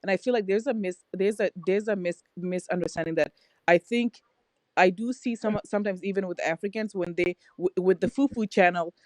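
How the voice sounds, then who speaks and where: A woman hosting a casual group discussion, with halting, repetitive phrasing. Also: medium pitch, a little mellow, no echo, poor audio.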